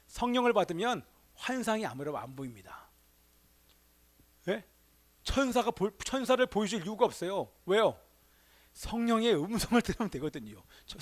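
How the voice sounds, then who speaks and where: In a church sanctuary, a male pastor with a high-sitting voice preaches a Sunday sermon. He fires rhetorical questions at the congregation, swinging between emphatic exclamations and hushed asides.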